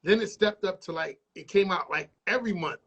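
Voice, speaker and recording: A man who works as a radio host and DJ runs a casual interview, loose and joking, rambling and cursing as he goes. His voice is high and fairly bright, his pace brisk, and he has a frog in his throat. The livestream audio sounds muffled.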